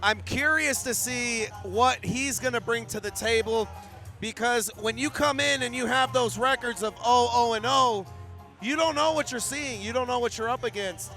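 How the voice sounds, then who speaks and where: An enthusiastic male fight commentator with a high, forceful voice. He talks conversationally through live commentary, with some music playing behind him. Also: normal speed.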